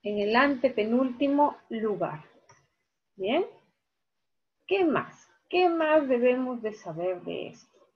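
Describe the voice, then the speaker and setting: Woman teacher, slow and repetitive, husky, muffled video-call sound. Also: on the high side, lively intonation. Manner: slow, repeats key words, syllable-by-syllable. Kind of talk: online class lesson. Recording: dull video-call audio.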